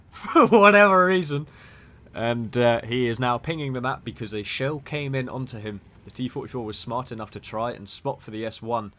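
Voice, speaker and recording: A man giving excitable, stumbling commentary on a tank game replay. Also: on the low side, slight background noise. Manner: excitable, laughing, stumbles over words.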